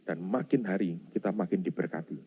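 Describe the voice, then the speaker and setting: A deep, slightly breathy voice belongs to this middle-aged pastor, who preaches a little fast. Animated, he acts out scenes and often calls the congregation "Saudara," recorded with dull lo-fi sound.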